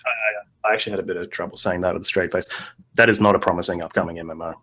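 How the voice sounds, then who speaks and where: A man co-hosting a casual gaming chat show, dry and blunt, with halting fillers. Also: low-pitched, fairly even intonation, fairly bright tone, slightly rough. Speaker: co-host.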